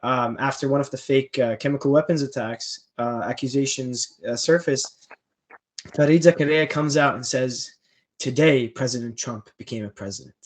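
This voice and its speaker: A man's voice: mid-range voice, moderate pace. A man hosting a casual political podcast chat, speaking sarcastically and chuckling mid-sentence.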